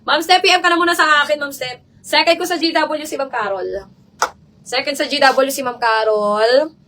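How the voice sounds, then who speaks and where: A hoarse woman who is losing her voice runs a live selling stream, rapidly calling out buyers' names again and again. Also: sits high, recorded from a distance, background noise. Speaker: online live seller.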